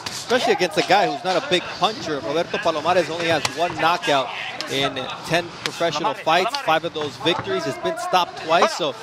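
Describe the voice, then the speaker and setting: Higher-pitched male boxing play-by-play voice. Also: animated, a little fast, a loud crowd. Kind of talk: live sports commentary.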